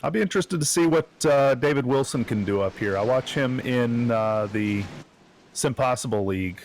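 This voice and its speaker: A man giving relaxed sim racing color commentary, hesitant with frequent fillers. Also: mid-range voice, normal speed, slight background noise.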